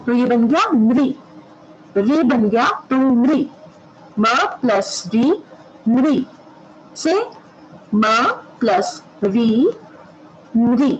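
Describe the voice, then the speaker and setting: A woman's voice: a little high, drawn-out words, long pauses, dark tone, muffled recording, slight background noise. A woman kindergarten teacher giving an online class, drawing out each syllable patiently for small children.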